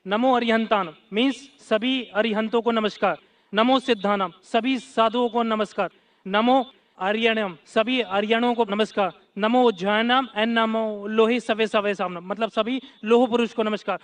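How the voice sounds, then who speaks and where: A man, a professor, answering a preacher's questions at a public Q&A with brief assents and measured explanations. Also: high-pitched, fairly even intonation. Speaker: professor in the audience.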